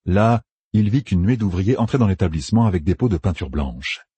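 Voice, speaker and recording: A man narrating a fantasy audiobook with expressive storytelling. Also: sits low, fairly quick, husky, no room sound. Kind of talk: scripted narration.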